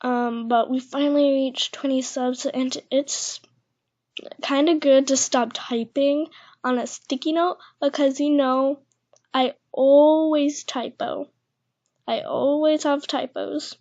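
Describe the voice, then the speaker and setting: A young woman with a lisp, talking quietly and awkwardly with many pauses in a casual vlog, keeping her voice down at home. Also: high voice, fairly even intonation. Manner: awkward, hesitant, speaking quietly to keep her voice down. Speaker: channel host. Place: echoey house, indoors. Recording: dull lo-fi home recording.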